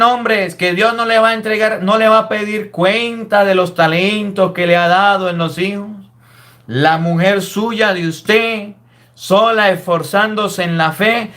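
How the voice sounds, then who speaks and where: High-voiced priest preaching. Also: male voice, a bit bright. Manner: emphatic, scolding preaching with rhetorical questions. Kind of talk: sermon.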